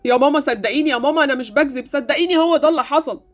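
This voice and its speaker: A woman's voice: high-pitched, rapid-fire, soft background music, natural voice. A woman voicing a stubborn boy in a Roblox story drama, speaking with an Egyptian accent and insistent pleading. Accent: Egyptian Arabic. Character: stubborn boy hero, warning everyone.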